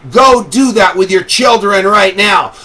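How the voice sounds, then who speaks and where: Fired-up high-voiced motivational man. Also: measured pace, rough recording. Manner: fired-up, often shouting for emphasis. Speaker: host of a daily motivational call. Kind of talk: motivational pep talk.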